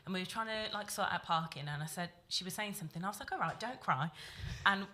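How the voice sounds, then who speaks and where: A woman's voice: medium pitch, fast, background noise. A young woman co-hosting a casual radio talk show, with a dry, teasing way of talking and easy laughter. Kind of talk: casual chat. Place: radio studio.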